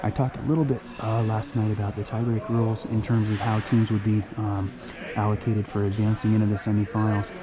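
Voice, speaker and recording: Excitable man calling a youth hockey game. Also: fairly low pitch, brisk, a crowd in the background. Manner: excitable, gets worked up and shouts encouragement; chatty asides with dry jokes. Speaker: parent play-by-play commentator. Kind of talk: amateur hockey play-by-play commentary. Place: stands of an indoor ice rink. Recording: loud rink background noise.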